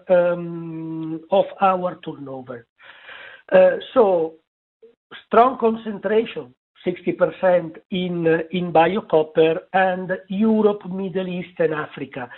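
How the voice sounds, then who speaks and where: A man answering analysts on an earnings call, halting with many filler sounds, heard over a clipped, dropping phone line. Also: high-pitched. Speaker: company executive answering analysts.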